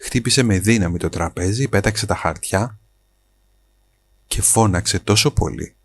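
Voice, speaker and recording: A man narrating a scripted story in a measured, even way. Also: lowish voice, husky.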